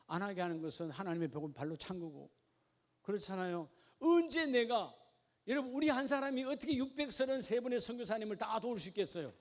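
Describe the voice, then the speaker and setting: Male pastor, high voice, lively question-and-answer sermon style. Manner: lively preaching, asks the congregation questions. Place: church.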